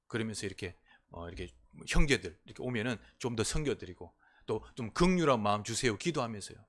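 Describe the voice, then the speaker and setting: A Korean man preaching a sermon as a pastor in a church, swinging between emphatic proclamations and quiet, intimate asides. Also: lowish voice, lively intonation, fast. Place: church sanctuary.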